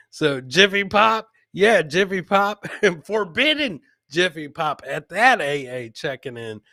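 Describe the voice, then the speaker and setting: In clean studio sound with no room echo, a man with a fairly high, sharp voice hosts a laid-back comedy clip show. He chats with his co-host and viewers, calling the co-host and live viewers by name and repeating phrases for laughs.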